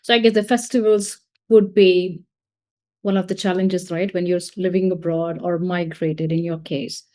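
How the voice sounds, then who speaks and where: A woman's voice: fairly low pitch, flat delivery, normal speed, darkish tone. A woman hosting a podcast interview, asking long, meandering questions. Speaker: podcast host.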